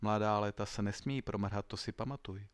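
A man's voice: fairly low pitch, steady tone, no room sound, lightly acted. A man doing a stern little old woman. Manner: quiet, severe, measured.

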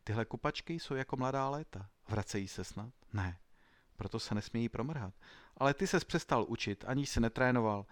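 A man's voice: medium pitch, no echo, lightly acted. A man doing a stern little old woman. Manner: quiet, severe, measured.

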